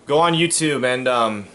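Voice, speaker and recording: An American man talks straight to his camera in a loose vlog monologue. His voice sits at an ordinary middle pitch, and he circles his point with fillers and restarts before landing on it with earnest emphasis. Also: a bit bright. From United States. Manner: rambling, repeats himself, many fillers and restarts. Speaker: vlogger.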